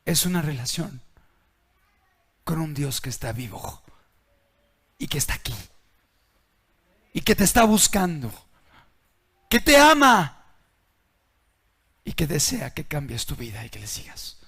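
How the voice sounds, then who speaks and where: A man preaching a sermon in a dramatic way, dropping to a hush and then shouting. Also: a little high, animated, moderate pace, creaky, long pauses, slightly rough. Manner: dramatic, swings between hushed and shouting.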